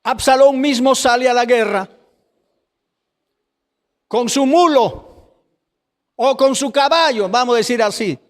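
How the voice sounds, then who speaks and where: A man preaching a fiery sermon, drawing out his phrases and breaking into shouts. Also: very high voice. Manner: preaching with slow drawn-out phrases and sudden shouts. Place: church hall. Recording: long reverb of a church hall.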